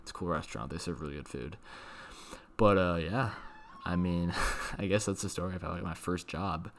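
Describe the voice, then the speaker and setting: A man's voice: low-pitched, moderate pace, a bit bright. A young man telling a casual, rambling story in a slangy, sweary way, leaning heavily on "like". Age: young adult. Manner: slangy, sweary, filler-heavy with "like". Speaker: video creator telling a personal story.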